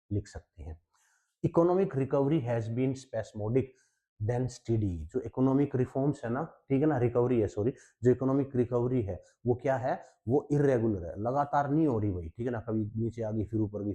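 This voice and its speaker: A man with an Indian English accent teaches an exam-prep vocabulary lesson, mixing Hindi and English and using mnemonic tricks. He says "ठीक है ना" often, checking in with his students again and again. His voice is mid-range and warm.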